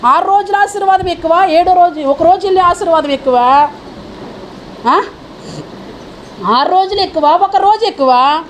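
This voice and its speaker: A woman's voice: very high-pitched, moderate pace, long pauses, a little hiss or hum. A woman pastor preaching a fervent sermon and firing questions at the congregation. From India.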